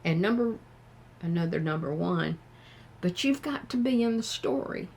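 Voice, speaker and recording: An older woman with a Southern US accent gives frank, plain-spoken advice to her viewers, talking slowly and thoughtfully. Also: lowish voice, lively intonation, creaky, darkish tone, slight background noise. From American South. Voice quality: slow and thoughtful. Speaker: vlogger. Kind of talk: casual advice talk to camera.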